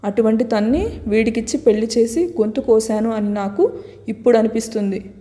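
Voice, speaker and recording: Stern grieving father, loud and reproachful, read by a woman in a higher mellow voice, reverberant hall. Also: fairly quick, natural voice. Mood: angry reproach. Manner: booming, reproachful.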